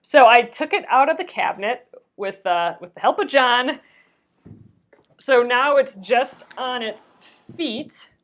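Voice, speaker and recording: A woman hosting a live sewing stream chats as she stitches, rambling, restarting often, and laughing, while a sore throat leaves her voice strained and fading. She speaks slowly in a fairly high, animated, rather bright tone.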